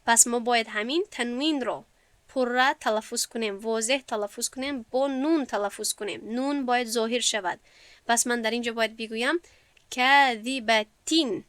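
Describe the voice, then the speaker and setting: A woman with a Tajik Persian accent, teaching a classroom lesson and slowly stretching out example words as she explains them. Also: a little high, a bit bright, dry recording. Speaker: Quran recitation teacher.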